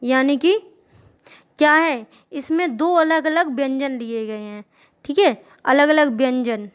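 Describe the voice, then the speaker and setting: High-voiced woman teaching a grammar lesson. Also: takes it slowly. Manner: repetitive questioning teacher, checks understanding often. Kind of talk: explaining a Hindi grammar lesson.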